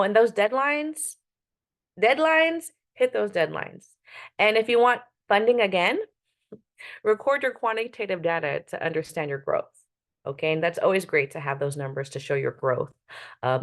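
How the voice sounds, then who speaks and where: A woman who is a media professor, giving an online workshop presentation over a video call in an upbeat, emphatic way, often checking in with "right?" and "okay?". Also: on the low side.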